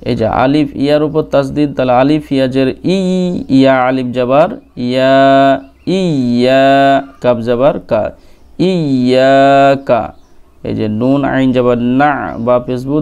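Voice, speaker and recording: A man teaching recitation, spelling out syllables one by one and repeating each word slowly. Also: medium pitch, level tone, a little mellow, smooth. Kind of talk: letter-by-letter recitation lesson.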